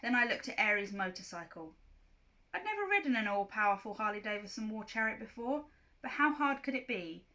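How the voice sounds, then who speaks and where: A woman teacher reads a novel aloud to her class, narrating with lively storytelling. Her voice is bright and clear. She lets the action scenes rise and fall as she goes. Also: a little high, fairly quick.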